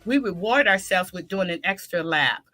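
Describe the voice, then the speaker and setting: Energetic female fitness guest, bright tone, chatty and quick to self-correct. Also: fairly low pitch, faint music behind. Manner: energetic, talks through restarts and self-corrections. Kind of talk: casual interview talk.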